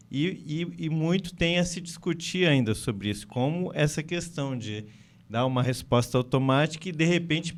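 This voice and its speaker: A man in a podcast discussion speaking in a measured, thoughtful way with many pauses. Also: fairly high pitch. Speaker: physician podcast guest.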